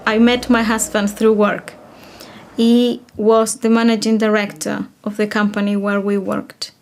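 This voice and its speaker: Calm woman. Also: mid-range voice, unhurried, slight background noise. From Chile. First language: Spanish. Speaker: interviewee. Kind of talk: interview answers.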